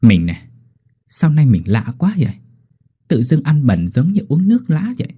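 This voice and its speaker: A man voicing a gentle, puzzled rural husband, coaxing and fussing. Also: fairly high pitch, wildly swooping pitch, moderate pace, slightly rough, pitched above the performer's own voice, heavily acted. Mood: tender.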